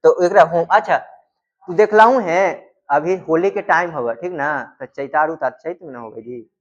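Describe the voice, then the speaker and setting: A man's voice: on the high side, moderate pace, lo-fi sound. A man teaching in a classroom-style lecture, asking questions and answering them himself, and drawing out sounds to demonstrate them.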